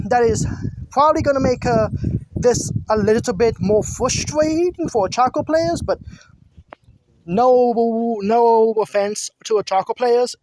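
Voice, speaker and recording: A woman's voice: medium pitch, darkish tone, no room sound. A woman talking outdoors in a casual chat about game balance, chatty and often stumbling and restarting her words. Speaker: gamer giving balance ideas.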